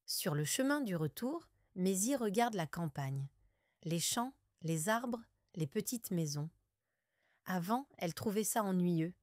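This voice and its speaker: Slow, clear woman narrator. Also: lowish voice, no room sound, clean studio sound. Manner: calm, clear, deliberate. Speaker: audiobook narrator. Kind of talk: slow scripted narration for French learners.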